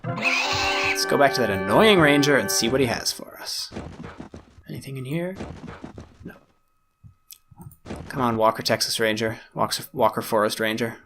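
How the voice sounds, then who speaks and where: Guy chatting through a strategy game playthrough, gravelly voice, talking to himself, self-mocking. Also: medium pitch, lively intonation, moderate pace, pauses often, a bit bright, faint music behind. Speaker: gaming YouTuber. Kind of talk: casual let's-play commentary.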